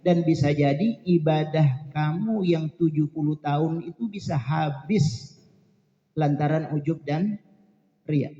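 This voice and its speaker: A man's voice: on the high side, gravelly, mellow. A male preacher giving a religious study lecture, reading Arabic passages aloud and then explaining them in a casual storytelling way. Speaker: Islamic preacher. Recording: echoey, dull lo-fi hall recording.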